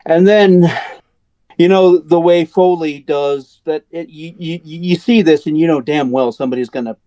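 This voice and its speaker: Man, tabletop player, mellow higher voice, dry sound, eager, plans moves aloud. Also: moderate pace, no room sound. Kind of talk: describing moves in a tabletop game.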